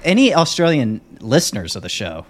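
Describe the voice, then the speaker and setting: A man's voice: mid-range voice, wildly swooping pitch, a little fast. A man co-hosting a podcast in casual chat, rambling with lots of fillers and restarts. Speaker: podcast co-host.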